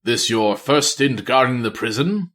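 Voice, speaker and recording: A weary veteran spy master, as a man reads him aloud, speaking in a low, quiet murmur with a dry, wry edge. His voice swings up and down through its range even as it stays hushed. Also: unhurried. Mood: coaxing. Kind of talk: audiobook-style character reading.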